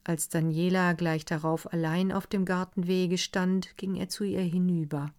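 A woman narrating a classic literary novel as an audiobook in a calm, measured, deliberate manner. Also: on the low side.

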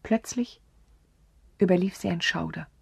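A woman narrating a story in a soft, breathy whisper, calm and measured, close to the mic. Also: on the low side, no echo.

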